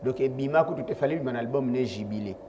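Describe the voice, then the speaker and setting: A man from Kongo Central, DR Congo, answers interview questions as a rapper, proud and assertive, referring to himself by his stage name. His mid-range voice is fast, his answers mix Lingala and French, and the background is noisy.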